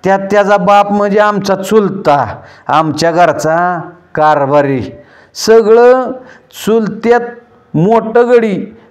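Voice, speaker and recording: A man's voice: sits high, slow pace, smooth. A man telling a folk story in a wry, self-mocking way, calling out to his listeners.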